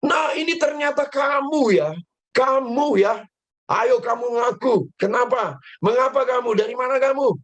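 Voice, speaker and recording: Frightened sailors shout and accuse in high, loud voices, as a man acts them out. Their talk is panicked and pushy, like a lively children's storybook scene. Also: unhurried. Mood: accusing. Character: frightened, angry ship's sailors.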